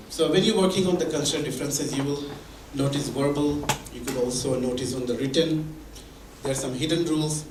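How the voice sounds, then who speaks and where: Male presenter, mid-pitched, explaining with examples, heard from a distance in a roomy hall. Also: noisy background. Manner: explains with examples, many restarts. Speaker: presenter at a mentoring event. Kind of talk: conversational presentation. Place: meeting room or hall. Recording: echoey room from far off.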